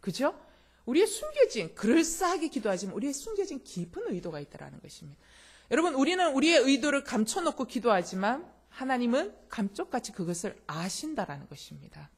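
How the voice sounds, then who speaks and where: A woman's voice: fairly high pitch, sing-song, brisk, slightly rough. A woman pastor preaching a sermon, emphatic and speaking straight to her congregation with questions. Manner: addresses listeners directly and often.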